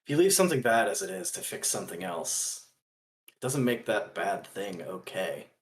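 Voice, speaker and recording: Low-voiced, earnest gunslinger played by a man. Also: big pitch swings. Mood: earnest, resolute. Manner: earnest, deliberate, halting phrases. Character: principled, earnest gunslinger man, stubbornly righteous. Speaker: tabletop role-play player. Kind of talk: in-character tabletop role-play.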